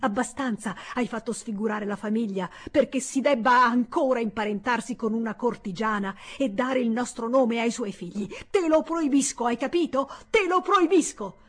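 A woman's voice: medium pitch, lively intonation, moderate pace, darkish tone, husky. A woman doing a thundering, furious male senator. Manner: commanding, thundering and threatening. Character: stern middle-aged male senator, furious older brother.

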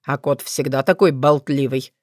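A woman voicing a wary, exasperated young man in an audiobook, lowering her voice for him. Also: steady tone, moderate pace, no room sound, studio quality. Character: young man, nervous, easily startled.

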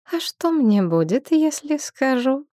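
A woman's voice: fairly low pitch, lively intonation, a little slow, dry recording, studio quality. Woman doing a coy, teasing shrine maiden. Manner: playful, coy, drops to a soft whisper.

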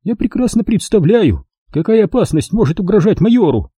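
A prim, haughty elderly lady, calculating and used to giving orders, her voice raised well above a man's normal register, as the narrator puts her on. The timbre stays dark and husky, and the recording is dry, close to the mic, with no room echo. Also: high-pitched, sing-song, a little fast, voice pushed up, heavily acted. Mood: calm, assured. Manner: prim and commanding.

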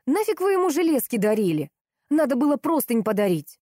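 Blunt fiery young woman with a high snappy voice and mellow tone, a woman doing her. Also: animated, moderate pace, no room sound, studio quality. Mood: angry, scornful. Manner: loud, snapping and sarcastic.

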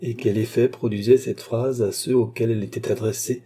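A gentle, pitying young lady visitor asks softly after a sad tale, as a man reads her. The voice is very dark and mellow with a husky edge, in an audiobook reading. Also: medium pitch, steady tone, fairly quick. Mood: compassionate. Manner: soft, questioning, compassionate.

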